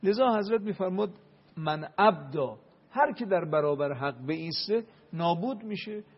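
A man giving an impassioned religious talk and prayer, building up to loud emphasis at times. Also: high voice, lively intonation, breathy edge. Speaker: religious speaker. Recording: dull lo-fi radio broadcast.

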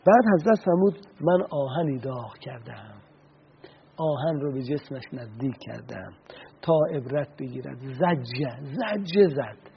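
A religious speaker on the radio earnestly recounts stories and unpacks Arabic sayings. He speaks at medium pitch, animated and with vocal fry, through tinny, phone-like audio with slight background noise.

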